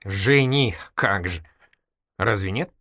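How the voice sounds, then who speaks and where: A man's voice: on the low side, slow pace, bright, forceful tone, no room sound, clean studio sound. A man voicing a mischievous, giggly young woman in an audiobook, teasing and exclamatory. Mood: playful. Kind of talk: audiobook character voice.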